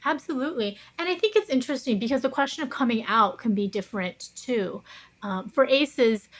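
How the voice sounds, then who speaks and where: Speaking a little fast in an expressive, higher-pitched voice, a woman author shares her perspective as an interview guest on a podcast. Her explanations are conversational, considered, and carefully qualified.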